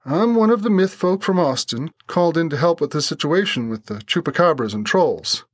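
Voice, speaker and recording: A man voicing a slight young man with a soft Texan accent who speaks calmly and politely. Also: fairly high pitch, no echo, studio quality, pitched above the performer's own voice. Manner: calm, polite, measured.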